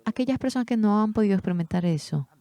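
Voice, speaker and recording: A man preaching a sermon, reading scripture aloud and pushing his voice up high for emphasis. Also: expressive, very fast, mellow, smooth. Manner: preaches with sudden high-pitched emphatic bursts.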